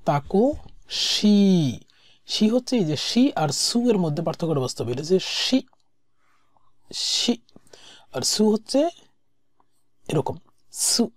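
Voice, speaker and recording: A woman teaching a language-exam lesson, saying each word slowly and repeating it before she explains it. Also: deep voice, sing-song, breathy edge, no room sound, studio quality.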